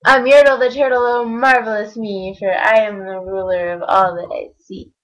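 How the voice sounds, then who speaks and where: A woman voicing a boastful, bossy male turtle king who shouts his commands. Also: mid-range voice, fairly even intonation, moderate pace, natural voice, poor audio.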